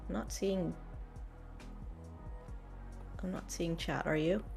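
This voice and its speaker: A woman's voice: fairly low pitch, normal speed, vocal fry, over music. A woman co-hosting a casual livestream, hesitant with many fillers and a wry humor. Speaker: co-host of a crypto dev livestream.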